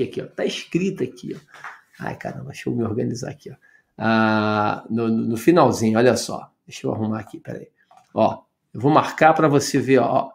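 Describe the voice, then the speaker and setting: A tax professor from Brazil commenting on tax news in an informal self-recorded video, talking emphatically with rhetorical questions and many fillers. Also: male voice, medium pitch, creaky, reverberant. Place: home office.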